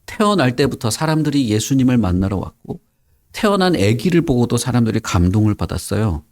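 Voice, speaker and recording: A man who is a pastor gives a children's sermon and tells the story in a lively way, putting questions to the children. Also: mid-range voice, fairly quick.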